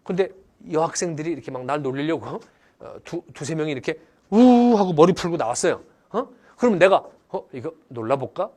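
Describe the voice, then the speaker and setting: A man's voice: a little high, fairly quick. A man teaching English grammar in a lecture. He acts out examples theatrically and keeps asking the class whether they understand. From Korea. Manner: lively, theatrical, asks the class questions often. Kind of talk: animated lecture with acted-out examples.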